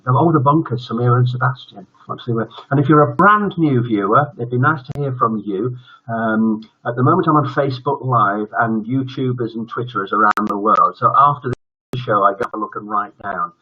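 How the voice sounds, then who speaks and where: Hosting a laid-back bedtime story livestream for children, an older man chats with viewers jokingly, rambling and frequently trailing off. His voice is mid-range and husky, fairly quick, heard through dull lo-fi livestream sound.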